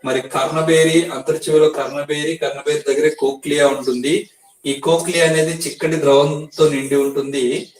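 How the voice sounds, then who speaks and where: A man's voice: on the high side, fairly even intonation, moderate pace. A male teacher giving an exam-prep science lesson, explaining step by step and repeating key facts for students to memorize. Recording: echoey room, voice from a distance.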